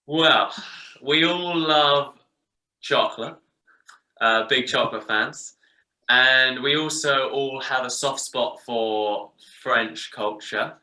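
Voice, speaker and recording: A man from England, a band member, telling the story of his band in a relaxed interview. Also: medium pitch, takes it slowly. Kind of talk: casual interview answers. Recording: roomy echo.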